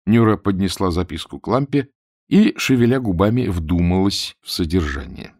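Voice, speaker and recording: A male audiobook narrator with a fairly low voice that rises and falls animatedly as he tells a comic story. He is recorded close on a studio mic in a dry booth with no room sound. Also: normal speed, no room sound. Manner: expressive, lively storytelling. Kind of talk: scripted narration of a humorous novel.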